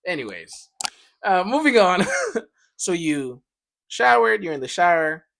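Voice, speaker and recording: A man's voice: high-pitched, very animated, a little slow, creaky, a bit bright. A young man co-hosting a casual podcast chat, joking and laughing often. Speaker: podcast co-host.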